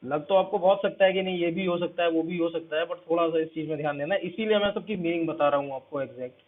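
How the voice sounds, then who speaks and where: A young man gives an exam-prep vocabulary lesson, repeating every word and its meaning as he goes. His voice sits fairly high. The sound is thin and narrow, like a phone line. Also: fast talker. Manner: explains step by step, repeats each word and its meaning. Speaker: vocabulary teacher.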